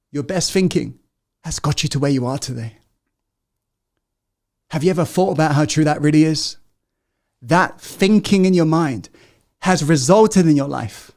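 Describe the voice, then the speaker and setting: Loud, emphatic urging gives way to hushed, intimate asides and back again as this man, his voice on the high side, hosts a live motivational masterclass full of rhetorical questions aimed at the audience.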